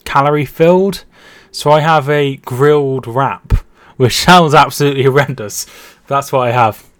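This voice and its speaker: A man hosts a casual football watch-along stream from home, calling the match and reading out chat in a chatty way, repeating words and restarting as he reads. His voice is medium-pitched at normal speed, with no room sound.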